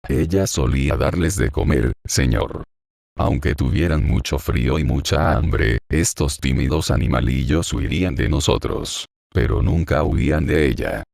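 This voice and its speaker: A man's voice: rumbling low, a little slow, vocal fry, a little mellow, no echo, studio quality, heavily acted. A man reading the part of a grieving, confused old man in an audiobook, murmuring in a hollow voice as if talking to himself. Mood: tender, dazed.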